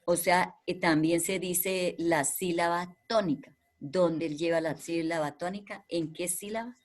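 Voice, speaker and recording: A woman teaching a primary school class online, her voice coming through a video call. She is patient and steady, and she keeps repeating the key words to drill them into her pupils. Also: on the low side, unhurried.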